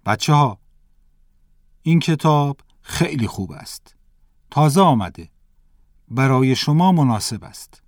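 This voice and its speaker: A man's voice: mid-range voice, expressive, long pauses, no echo, clean studio sound, natural voice. A man reading the part of a kindly bookseller of fifty. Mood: welcoming. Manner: gentle, welcoming. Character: kindly, good-natured male bookseller around fifty.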